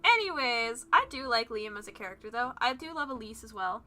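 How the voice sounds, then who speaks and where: A woman's voice: on the high side, expressive, brisk, sharp tone, slight background noise. A woman co-hosting a casual book chat, giggly and teasing as she talks. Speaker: podcast co-host.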